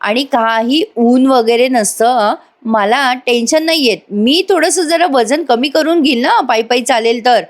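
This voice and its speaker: A woman's voice: on the high side, a little slow, few pauses, natural voice. A woman voicing a hopeful, devoted young wife from a TV serial, speaking in a cheerful, coaxing way.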